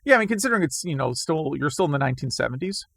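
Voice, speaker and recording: A man co-hosting a casual retro gaming podcast chat, rambling and self-deprecating, his voice going hoarse. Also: a little high, big pitch swings, racing, fairly bright tone, no echo. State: losing his voice. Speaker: podcast co-host.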